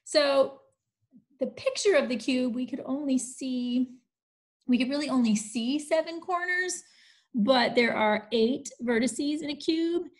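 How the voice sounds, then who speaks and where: Slow, patient woman teaching a math lesson. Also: high-pitched, rough recording. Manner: patient, explains step by step with frequent "right?" checks. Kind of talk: recorded distance-learning math lesson.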